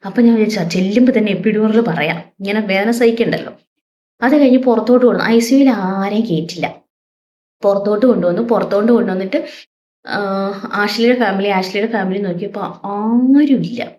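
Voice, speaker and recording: A woman's voice: mid-range voice, a little fast, a little mellow. A young woman vlogger telling a personal story in a heartfelt, emotional way, repeating her words as she goes. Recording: dull lo-fi recording.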